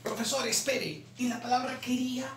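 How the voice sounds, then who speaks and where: A man's voice: very high-pitched, steady tone, moderate pace, a bit bright, pitched above the performer's own voice. A male teacher voicing a puzzled young student who keeps questioning him. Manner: questioning, insistent. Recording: roomy, distant mic, faint noise.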